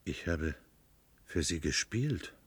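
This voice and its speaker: In a German radio play, an actor with a husky bass voice portrays a fanatical demagogue, urging oppressed workers to revolt in grandiose oratory with emphatic, drawn-out stresses. He speaks slowly with wide pitch swings and a bitter, contemptuous mood, fully in character, on a dry recording.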